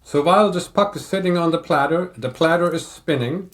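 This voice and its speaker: An older man in a casual podcast chat, explaining audio equipment in a measured, technical way. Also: fairly high pitch. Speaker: audio reviewer guest.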